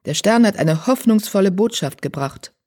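A man's voice: high voice, animated, moderate pace, a little mellow, pitched above the performer's own voice. A man reading a storybook, voicing a male healer cat who proclaims solemnly while hiding his unease.

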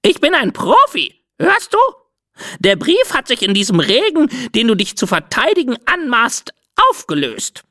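A woman voicing a vain, theatrical female red bird messenger with a shrill, drawn-out voice in an audiobook. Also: huge pitch swings, bright, forceful tone, dry recording, studio quality, full character voice. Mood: self-important. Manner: drawn-out, self-pitying. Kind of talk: audiobook character voice.

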